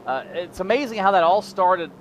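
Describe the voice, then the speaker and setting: Male lap-by-lap caller for an online race broadcast, higher voice, gets loud and excited on the action, slight background hiss. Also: normal speed. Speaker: race commentator. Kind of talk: sim racing play-by-play commentary.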